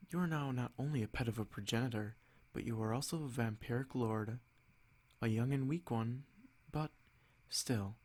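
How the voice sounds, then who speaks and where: This natural, medium-pitched male voice belongs to a noble vampire lord in ASMR roleplay: possessive and haughty, he speaks with measured condescension and a soft threat.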